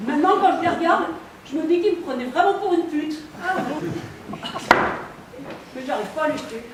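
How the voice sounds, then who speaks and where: A woman's voice: high voice, expressive, moderate pace. An actress playing a lonely woman who rambles through a confessional stage monologue. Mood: confiding. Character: lonely woman confiding about her love life. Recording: distant mic in an echoey theatre, audience noise.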